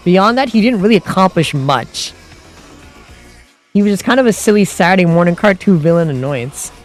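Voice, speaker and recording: This streamer's voice is high-pitched and animated, moving at a moderate pace over faint background music. Chatting with his viewers, he rambles through fillers and restarts, getting increasingly heated and exasperated.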